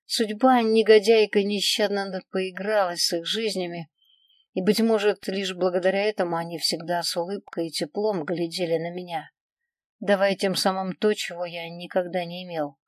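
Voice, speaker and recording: A woman narrating a first-person audiobook in an even, measured reading. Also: fairly low pitch, no room sound. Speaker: audiobook reader.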